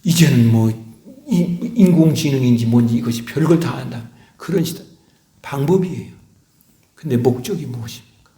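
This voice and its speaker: A middle-aged male pastor preaching a sermon, swinging between loud emphasis and hushed whispers. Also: mid-range voice, moderate pace. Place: church sanctuary. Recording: echoey church hall.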